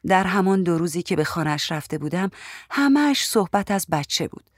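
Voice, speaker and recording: Lower-voiced woman narrating a story. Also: sing-song, no room sound, clean studio sound. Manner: conversational, plainspoken first-person telling. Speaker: audiobook reader. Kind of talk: first-person story narration.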